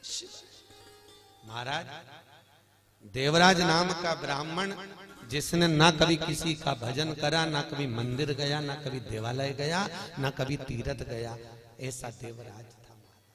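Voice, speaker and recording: Man, devotional sermon, fairly high voice, loud exclamations and hushed asides, stage microphone, clear devotional music behind. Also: slow. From Madhya Pradesh, India. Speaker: religious storyteller, kathavachak. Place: live religious discourse before a crowd.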